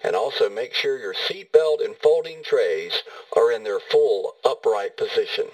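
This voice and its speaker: A man reading a scripted in-flight safety announcement in a formal, measured, polite way. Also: medium pitch, distant mic, poor audio.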